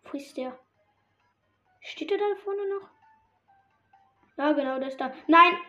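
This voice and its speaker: High-voiced excitable female gamer. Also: measured pace, muffled recording, faint music behind. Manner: excitable, reacts loudly to the game. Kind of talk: gameplay commentary.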